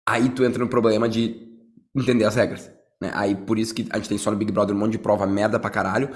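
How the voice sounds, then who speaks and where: A man hosting a casual podcast chat, relaxed, ending many phrases with a tag question. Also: on the low side, fast talker.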